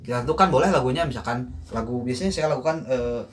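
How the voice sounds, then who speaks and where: A man's voice: medium pitch, fast, faint music behind. A man coaching choir in a casual online lesson, thinking aloud with many fillers and briefly singing short lines to demonstrate.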